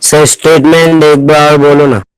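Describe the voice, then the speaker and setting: Teen student on a clipping, distorted mic. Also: male voice, fairly high pitch, level tone, unhurried, clear, resonant tone, dry recording. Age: teens. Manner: politely insistent, repeats his request. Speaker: student asking a question. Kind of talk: casual classroom request. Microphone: mic held very close to the mouth.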